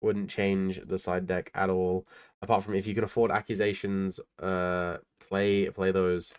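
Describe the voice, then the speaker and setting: Man, young adult, tired, laid-back rambling delivery, fairly low pitch, smooth resonant tone. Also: little pitch movement, a little slow. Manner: laid-back, rambling, frequent ums and uhs. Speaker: card game player presenting his tournament deck. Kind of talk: casual deck profile talk.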